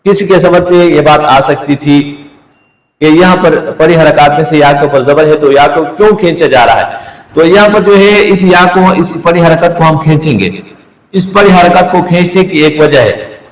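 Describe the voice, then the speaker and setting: Guy teaching quran reading at a board, slow chanty drills, kinda far from the mic with a long room echo. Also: fairly high pitch. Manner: patient, explains step by step, chants words slowly. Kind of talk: tajweed lesson at a board. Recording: echoey room, mic at a distance.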